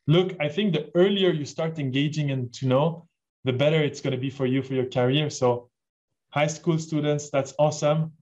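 A man's voice: fairly high pitch, moderate pace, a little mellow. A man in his forties from Switzerland, hosting an online session in a chatty, enthusiastic way and asking the audience questions. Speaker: webinar host. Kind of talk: casual presentation on a video call. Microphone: video call. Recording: dull lo-fi video call audio.

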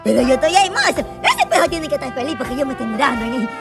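A hyper little boy in a comedy skit. His voice shoots very high and leaps all over as he chatters fast and squeals. Loud music plays under him. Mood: excited. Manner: excitable, squealing, shouts. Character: playful, mischievous young boy.

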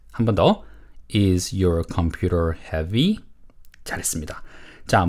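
A man teaching elementary English, explaining in lively bursts and reading model sentences slowly for repetition. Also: lowish voice.

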